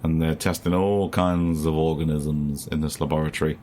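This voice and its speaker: Deep-voiced man, sweary and laughing. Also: little pitch movement, normal speed, warm tone, slight background noise. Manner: swears freely, laughs often, acts out quotes. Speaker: podcast co-host. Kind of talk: casual chat.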